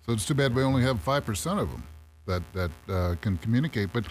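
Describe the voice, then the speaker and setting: A man's voice: medium pitch, lively intonation, fast, faint music behind. A man hosting a radio talk show, asking curious, prompting questions of his guests.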